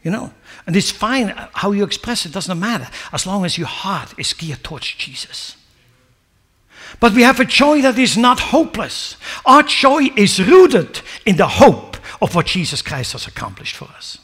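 Male pastor, emphatic sermon delivery, high and very animated voice, leans on rhetorical questions. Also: a little slow, husky. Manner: emphatic preaching, rising to near-shouts and dropping low; asks the congregation rhetorical questions.

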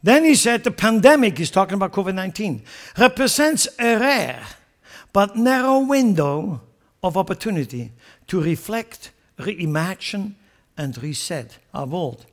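High-voiced man preaching. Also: very animated, unhurried. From Switzerland. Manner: emphatic, swings between loud stressed phrases and quiet asides; joking, chuckles at his own remarks. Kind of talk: sermon.

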